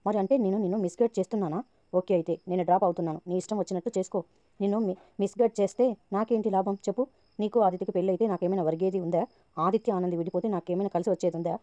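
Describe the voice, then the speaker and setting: A woman's voice: mid-range voice, fairly even intonation, rapid-fire, warm tone, no room sound, dull audio, natural voice. A woman narrator reading the lines of a scheming, sarcastic young woman. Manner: sarcastic and goading.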